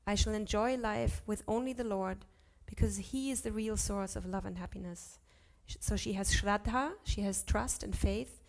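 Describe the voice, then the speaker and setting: A woman teaching a class on Sanskrit scripture, chanting verses slowly and correcting herself aloud as she goes. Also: medium pitch, creaky. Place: ashram class.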